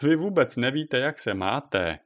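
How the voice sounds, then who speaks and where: A man voicing a nosy, pushy old male neighbour in a storybook tale, talking high and excited. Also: lightly acted. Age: older.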